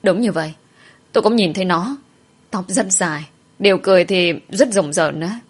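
A woman voicing a loyal, timid young palace maid who speaks gently and deferentially. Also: lowish voice, moderate pace, slightly rough. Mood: frightened.

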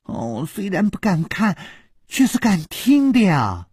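A man's voice: high voice, wildly swooping pitch, slow pace, a little mellow, husky, dry recording, studio quality, pitched above the performer's own voice, exaggerated voice. A man voicing a sweet, giggly young girl in a told story, teasing and playful.

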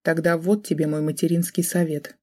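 A woman's voice: low voice, flat delivery, fairly quick, mellow. Woman reading a scornful cold mother. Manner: sarcastic and contemptuous.

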